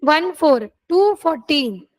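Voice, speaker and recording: A woman's voice: high-pitched, expressive, takes it slowly. A woman law teacher, dictating notes in a classroom and checking that students have written them down.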